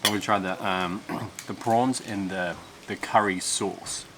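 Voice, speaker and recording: A young man in casual vlog chat, relaxed and chatty, talking while tasting food. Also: lowish voice, a little slow, slight background noise. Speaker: travel vlogger.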